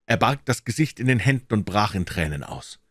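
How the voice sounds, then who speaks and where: A man reading a classic novel aloud as scripted narration, with expressive, dramatic storytelling. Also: on the low side, brisk, no echo, clean studio sound. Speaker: audiobook reader.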